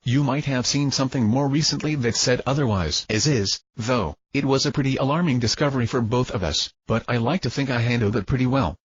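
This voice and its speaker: A man with a husky, slightly breathy voice reads an audiobook in a steady first-person storytelling way. The recording is dry with no room sound and a little dull and lo-fi. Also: mid-range voice, a little fast, few pauses, no echo. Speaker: audiobook reader. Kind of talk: audiobook narration of fan fiction.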